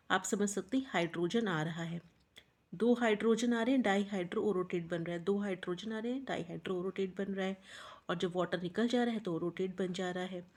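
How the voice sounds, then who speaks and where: A woman's voice: mid-range voice, darkish tone. A woman teaching biotechnology, walking students through a pathway and a memory trick step by step, often checking in with "okay". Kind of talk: exam-prep lecture with mnemonics.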